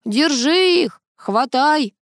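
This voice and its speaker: A woman voicing a boastful male talking raven who mimics human speech, in a loud cawing delivery. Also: high-pitched, lively intonation, extremely slow, no echo, clean studio sound, pitched above the performer's own voice, full character voice. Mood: raucous.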